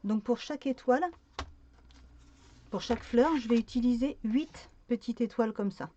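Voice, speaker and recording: A woman's voice: a little high, normal speed, mellow, lo-fi sound. A woman talking through a card-making tutorial in a casual, hesitant way, with many fillers and self-corrections.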